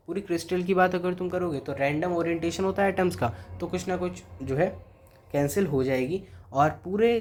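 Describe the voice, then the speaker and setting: A man's voice: a little high, darkish tone, a little hiss or hum. A man with an Indian accent, teaching a physics revision lecture step by step and talking to students familiarly. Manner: explains step by step, addresses students as beta and bhai.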